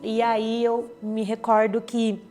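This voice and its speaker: A woman with a slightly high voice gives a heartfelt church testimony. She tells the story in a vivid, emotional way and acts out the words of the people in it. Instrumental music plays clearly beneath her voice. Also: completely flat delivery, slow pace. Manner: emotional, vivid retelling with quoted dialogue. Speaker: church member giving testimony. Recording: clear background music under speech. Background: soft instrumental music.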